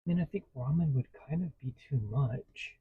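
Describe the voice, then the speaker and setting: A man casually telling stories in a vlog from inside his parked vehicle, getting animated as he retells what happened. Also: mid-range voice, moderate pace, phone-quality sound, a little hiss or hum. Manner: chatty, animated when retelling a story. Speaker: vlogger.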